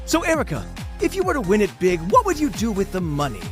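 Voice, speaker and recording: A man voices a slick, cynical game show host in an audio drama, presenting a bombastic TV program with theatrical, mocking condescension and a drawn-out, showy style. His high voice swoops wildly in pitch, with music playing in the background.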